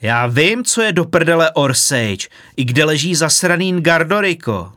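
A man's voice: medium pitch, a bit bright, dry recording, lightly acted. A man doing a sulky, put-upon young sailor. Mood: angry. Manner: sulky and defiant, flaring into curses.

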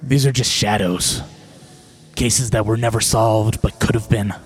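Man doing a gravelly, sly cynic from the shadows. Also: on the low side, steady tone, unhurried, natural voice. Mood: cynical, resigned. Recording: background music under the voice.

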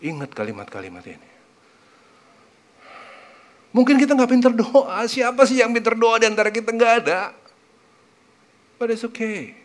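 A man preaching a sermon in a casual, slangy way, dropping English words in, with quiet scripture readings and loud, pleading outbursts. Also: very high-pitched, very animated, normal speed, pauses often, a little hiss or hum. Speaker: pastor.

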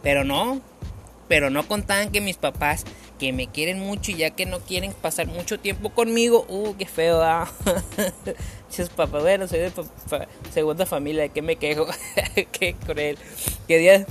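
A young man with a northern Mexican accent telling a comic story full of slang, animated and quick to laugh as he acts out voices. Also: on the high side, soft background music. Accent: Mexican Spanish, northern. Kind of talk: comedic storytelling, heavy slang.

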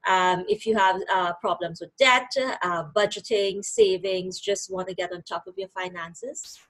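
A woman's voice: mid-range voice, lively intonation, unhurried, vocal fry, a bit bright, poor audio. A woman from Trinidad and Tobago with a Trinidadian accent, a podcast guest talking reflectively about her family history and her work. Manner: thoughtful, reflective storytelling. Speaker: guest, financial literacy and credit counselor. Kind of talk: interview conversation.

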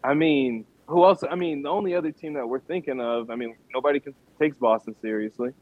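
A young man's husky voice comes through a thin, phone-like connection. He gives casual sports opinions in slang, hedging as he thinks aloud. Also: on the high side, animated, brisk, dry recording. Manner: slangy, hesitant hedging while reasoning aloud. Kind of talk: casual sports commentary among friends. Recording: thin phone-like line, dry sound.

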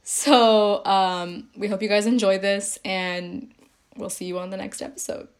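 A woman's voice: mid-range voice, fairly even intonation, measured pace. A young woman co-hosts a podcast in an easy, upbeat manner. She talks straight to her listeners in a friendly, informal tone. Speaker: podcast co-host. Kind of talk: casual chat.

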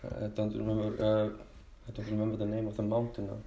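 A middle-aged man with an Icelandic accent talks in a relaxed, halting way, often pausing on "uh" and "you know." His voice sits low. The room around him rings with echo. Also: vocal fry. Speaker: guest. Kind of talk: casual chat. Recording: echoey room.

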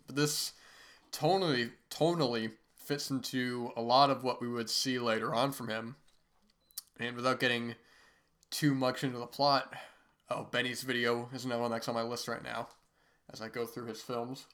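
A man's voice: mid-range voice, steady tone, normal speed, a bit bright. A man with a congested, nasal, stuffy-nosed voice from a cold, hosting a casual, rambling, laid-back talk about movies. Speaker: host of a weekly movie talk show.

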